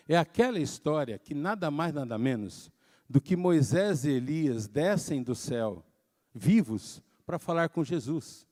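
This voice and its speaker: A man preaching a sermon as pastor, telling a story in an animated way that swings from soft to shouting. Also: on the high side. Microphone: handheld microphone.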